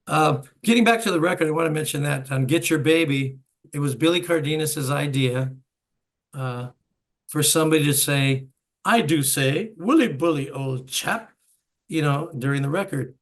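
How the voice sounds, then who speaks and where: Older man with a gravelly voice. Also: a little high, moderate pace. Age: 70s. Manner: storytelling, chuckling asides. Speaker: host and bandleader. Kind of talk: reminiscing interview chat.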